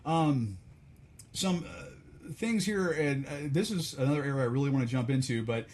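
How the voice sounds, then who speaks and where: A man's voice: mid-range voice, moderate pace, darkish tone. A man from the States, hosting a live podcast from a chair at home in a casual, rambling, blunt and self-deprecating way. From Southern United States. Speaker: podcast host. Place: home room, seated in a chair.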